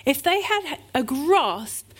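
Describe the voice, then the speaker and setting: A woman's voice: sits high, very animated, slow pace. A woman preaching a sermon, telling stories in an earnest, heartfelt way.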